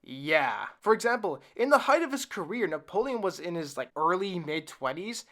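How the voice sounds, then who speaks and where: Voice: mid-range voice, moderate pace. A film reviewer giving a comedic, sarcastic review with frequent laughs. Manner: sarcastic, animated, laughs often.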